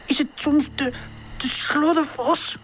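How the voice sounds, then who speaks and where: A woman's voice: high-pitched, fairly even intonation, takes it slowly, slight background noise, pitched above the performer's own voice. A woman voicing a nervous little male puppy in a children's storybook. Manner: worried, whispery and hesitant.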